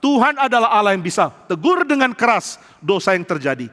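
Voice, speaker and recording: A man's voice: high-pitched, sing-song, fairly quick, a bit bright. A man preaching a sermon as pastor, telling humorous stories and acting out the quotes. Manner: humorous storytelling with acted quotes. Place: large church hall. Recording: long hall reverb.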